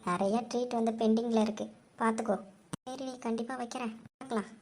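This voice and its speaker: Woman voicing gossipy village women, gravelly. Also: on the high side, fast talker, a little hiss or hum, natural voice. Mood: chatty. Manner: lively gossipy village banter. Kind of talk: cartoon voice acting. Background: background music.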